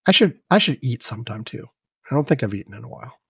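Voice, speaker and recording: Male podcast co-host, middle pitch, dry close sound, wry and rambling, swears casually. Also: big pitch swings, fast talker, slightly rough, no echo.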